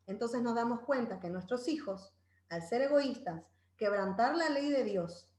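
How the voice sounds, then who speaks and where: A woman's voice: on the high side, animated, a little slow, a little mellow, roomy sound. A woman leading a parenting Bible class in a conversational way, often checking in with her listeners and acting out children's voices. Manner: conversational, tags phrases with "¿verdad?"; acts out children's voices in quotes. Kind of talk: informal Bible parenting talk.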